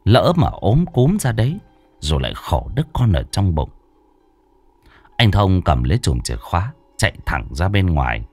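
A man narrating an audiobook in an expressive storytelling manner. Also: sits low, normal speed, breathy edge, no echo.

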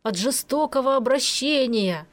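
A mischievous young prankster squeals in a high, playful voice, as a woman puts him on. He sounds cheeky and full of mischief, his voice pitched well above a grown man's. He is a character in a storybook audiobook. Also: animated, measured pace. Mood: mock-wounded.

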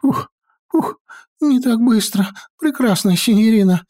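A woman voicing a jittery, cowardly male sorcerer who pleads and frets in a high, whining patter. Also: animated, measured pace, warm tone. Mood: fearful pleading.

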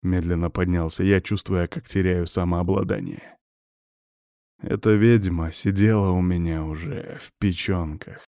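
A man narrating a first-person audiobook in an even, gruff storytelling voice. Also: deep voice, a little slow, no room sound, clean studio sound.

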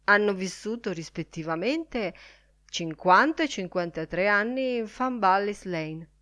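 A woman's voice: medium pitch, animated, measured pace, bright, forceful tone, no echo, studio quality. A woman reader voicing a young, earnest man who speaks in a courteous, slightly formal, wry way.

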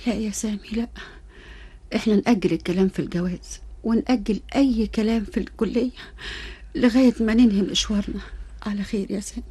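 Woman playing young Egyptian student, resolute, self-sacrificing, very breathy husky voice, quick delivery, radio melodrama. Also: medium pitch, mellow, lightly acted. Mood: tearful resolve.

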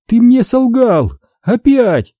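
A man reading an audiobook voices a sardonic young woman in a raised, higher voice. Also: very animated, moderate pace, mellow, no echo, dull audio. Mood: furious. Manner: indignant, sardonic. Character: sharp-tongued young woman, café owner's daughter.

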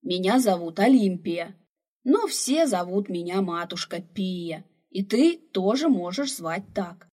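A woman's voice: medium pitch, lively intonation, slow pace, darkish tone. A woman reading the part of a huge, kindly old female slave cook who fusses and sighs over a runaway girl. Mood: warm bossy. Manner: fussing, motherly, sighing.

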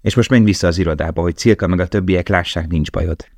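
A man voicing a tender, haunted young woman prisoner in an audiobook, reading her lines softly with a slightly raised voice. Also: low-pitched, no echo, clean studio sound. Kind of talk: audiobook dialogue.

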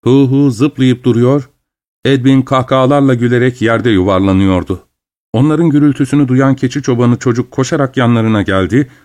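A man's voice: medium pitch, normal speed. Man reading a novel aloud. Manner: steady, even storytelling delivery. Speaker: audiobook narrator. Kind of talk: scripted narration.

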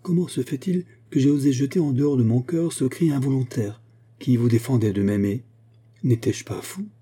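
A man's voice: medium pitch, moderate pace, dark tone, slightly rough, close to an everyday voice. A man voicing a tormented young Corsican lover. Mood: anguished. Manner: impassioned, pleading.

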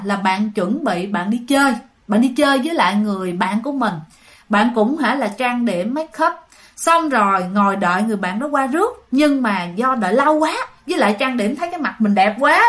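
Brief: woman narrator, casual ghost-story telling, slightly high voice. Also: animated, fairly quick, fairly bright tone. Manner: chatty, addresses listeners directly.

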